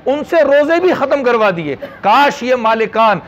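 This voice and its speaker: A man's voice: very high voice, very animated, measured pace, a little hiss or hum. A man with a Pakistani Urdu accent preaching a religious sermon, emphatic, repeating phrases and asking rhetorical questions. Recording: dull lo-fi recording.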